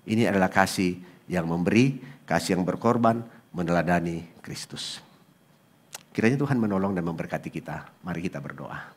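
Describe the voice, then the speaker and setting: A male pastor preaching at an Easter service, telling animated family stories and often asking the congregation to agree. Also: low-pitched, normal speed, long pauses. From eastern Indonesia. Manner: animated storytelling with acted quotes; asks congregation "ya kan?". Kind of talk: sermon.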